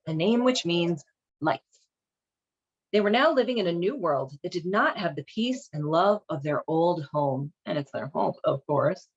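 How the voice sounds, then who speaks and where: A woman with a fairly low, husky voice hosts a casual read-along of a children's Bible, commenting in an informal, wry, irreverent way. The recording sounds muffled.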